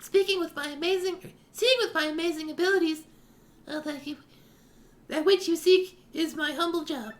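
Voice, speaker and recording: A man's voice: very high-pitched, normal speed, fairly bright tone, voice pushed up. A man voicing a lovely female fortune teller with mystical, theatrical patter, reading game dialogue. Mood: mystical, inviting.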